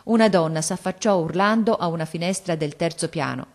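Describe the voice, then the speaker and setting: A woman reading a story aloud in a measured, expressive storytelling manner. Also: lowish voice. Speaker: audiobook narrator. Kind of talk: scripted literary narration.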